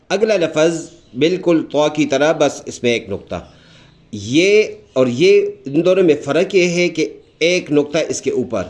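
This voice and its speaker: A Quran teacher with a Pakistani Urdu accent patiently shows beginners how to pronounce Arabic letters, stretching out each sound as he demonstrates it. His voice sits on the high side with a darkish tone.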